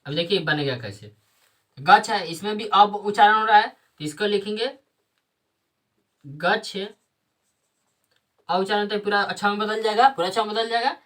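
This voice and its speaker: A woman teacher, audible only from a distance, takes a lesson step by step, asking questions, answering them herself, and restating each step. She speaks in a mid-range voice at a moderate pace, leaving long pauses.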